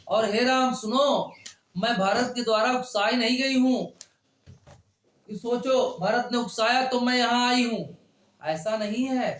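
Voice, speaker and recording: A male teacher with a very high, slightly bright voice gives a line-by-line Hindi poetry lesson, slowly and repetitively going over phrases and quizzing the class. The sound is roomy.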